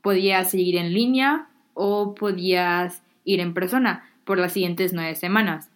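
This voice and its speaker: This teenage girl from Mexico has a fairly low-pitched voice and speaks a little slowly, with a Mexican Spanish accent. As a vlogger talking casually to camera, she's chatty and candid, uses Mexican slang, and pokes fun at herself.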